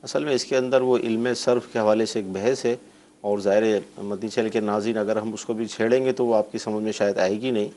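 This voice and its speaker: A man's voice: on the low side, fairly even intonation, warm tone. A man hosting a religious TV call-in show, who repeats callers' questions, keeps affirming the mufti with short replies and speaks directly to the viewers. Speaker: show host.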